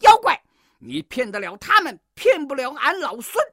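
A brash, fiery monkey king, as a woman storyteller puts him on, yelling in a piercing high voice. He swings wildly up and down in pitch. It is a children's storybook reading. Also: very animated, normal speed, no echo, clean studio sound, heavily acted. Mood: fierce. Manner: shrill shouting.

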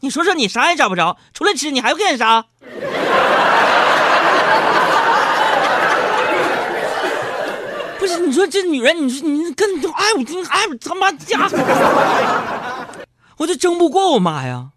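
A man's voice: extremely high pitch, sing-song, takes it slowly, pauses often, very noisy. A man hosting a radio show, telling comic self-mocking stories into a studio microphone. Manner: joking, self-mocking, acts out quoted voices. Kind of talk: comic storytelling monologue.

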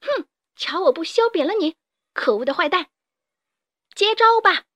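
A woman's voice: very high-pitched, animated, a little slow, a bit bright, no echo, dull audio, pitched above the performer's own voice, heavily acted. A woman voicing a bold, teasing young rooster hero in a storybook reading. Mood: fierce.

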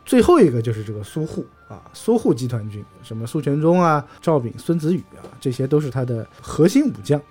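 A man hosting a casual podcast chat, retelling old novel episodes in a lively storytelling way with jokes. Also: medium pitch, brisk, few pauses, breathy edge, faint music behind. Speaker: podcast host.

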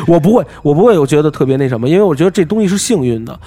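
A man hosting a podcast, telling ghost stories as an animated storyteller with lots of fillers, in a small recording room. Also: a little high, brisk, slightly rough. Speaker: podcast host.

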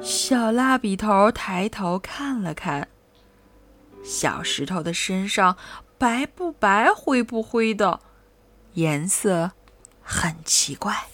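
A woman reading a children's picture book aloud in a slow, gentle, expressive way. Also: medium pitch. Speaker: storyteller. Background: soft music.

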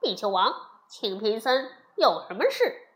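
Bold, clever monkey hero for a storybook, voiced by a woman; brisk and sure. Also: fairly high pitch, sing-song, a bit bright. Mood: confident. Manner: brisk, confident and quick-witted. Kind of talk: children's storybook voice acting.

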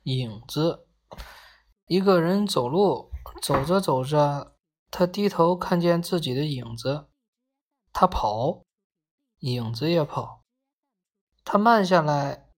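A woman reading a children's story aloud in a gentle, expressive storytelling manner. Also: deep voice.

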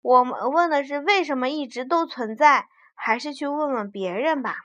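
A woman's voice: high-pitched, moderate pace, no room sound, highs cut off, pitched above the performer's own voice. A woman voicing a cheerful little companion in a children's story, exclaiming and reassuring. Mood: cheering. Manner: bright, exclaiming, encouraging.

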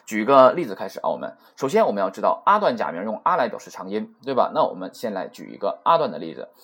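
A man's voice: lowish voice, sing-song, quick pace, a bit bright, breathy edge. A man teaching a beginner Japanese lesson in a chatty way, repeating points and checking that listeners follow. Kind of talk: casual recorded lesson.

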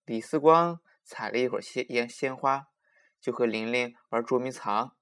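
A man narrating a children's story in a gentle, expressive storytelling voice. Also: mid-range voice, moderate pace.

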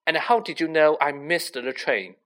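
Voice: mid-range voice, normal speed, a bit bright, voice pushed up, lightly acted. A storybook reader voicing a young schoolboy hero, indignant and suspicious, with a blunt, accusing way of talking.

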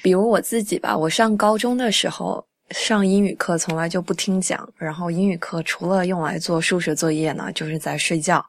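A young woman hosting a podcast English lesson in a chatty way, repeating English phrases slowly and clearly. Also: lowish voice, steady tone, no echo, studio quality. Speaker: English teacher and podcast host.

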